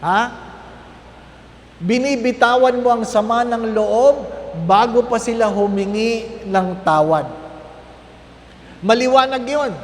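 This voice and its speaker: A man's voice: high voice, reverberant, long reverb tail, slight background noise. A man, a priest, gives a conversational Lenten talk to a congregation, often checking in with tag questions. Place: parish church.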